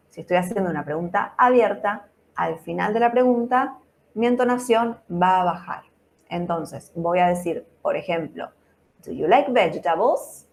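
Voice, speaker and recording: A young adult woman with a Rioplatense Spanish accent, giving an online English lesson in a patient, explanatory way and often checking in with the listener. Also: medium pitch. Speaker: English teacher.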